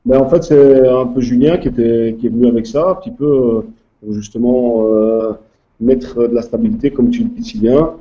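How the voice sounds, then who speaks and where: Invité belge à voix sombre et feutrée. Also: male voice, medium pitch, fairly even intonation, normal speed, warm tone, lo-fi sound. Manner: hesitant, many fillers and restarts. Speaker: guest, youth club president. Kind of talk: interview answers.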